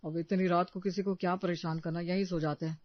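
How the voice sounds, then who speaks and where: A woman's voice: lowish voice, flat delivery, brisk, no room sound, close to an everyday voice. A woman voicing a brusque, irritable young husband in a storybook tale. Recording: dry, slightly dull recording.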